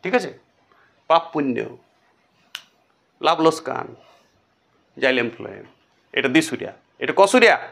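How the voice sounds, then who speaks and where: A man's voice: medium pitch, a little slow, creaky, long pauses. A man teaching a whiteboard biology lesson, chanting memory lists in a sing-song way and talking straight to his students. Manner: lively, repetitive, talks straight to students.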